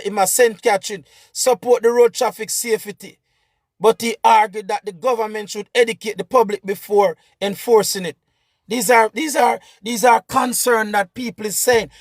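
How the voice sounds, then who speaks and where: High-voiced Jamaican man ranting. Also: no echo, studio quality. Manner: impassioned, repetitive, preachy. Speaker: vlogger. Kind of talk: political commentary rant.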